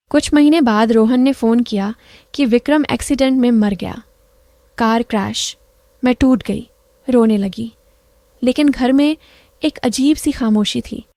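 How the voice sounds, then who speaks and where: A woman reading an emotional first-person story aloud, in a soft, intimate and confessional way. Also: on the high side, dry recording, studio quality.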